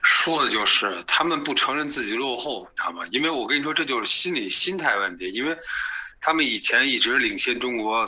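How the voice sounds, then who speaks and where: A man's voice: mid-range voice, bright, forceful tone, rough recording. A middle-aged man, arguing animatedly as an interview guest and often asking "you know?". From China. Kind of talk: casual opinionated chat.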